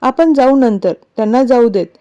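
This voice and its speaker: A woman's voice: on the high side, normal speed, lightly acted. A woman voicing a teasing, stubborn young husband in a narrated story. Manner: teasing, calm. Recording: dull lo-fi recording.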